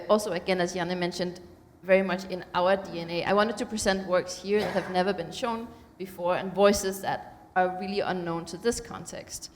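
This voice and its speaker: Hesitant curator woman, low voice. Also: slight background noise. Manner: thoughtful, many ums and uhs. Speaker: curator leading a panel. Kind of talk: gallery panel introduction. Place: museum auditorium. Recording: long hall reverb in auditorium.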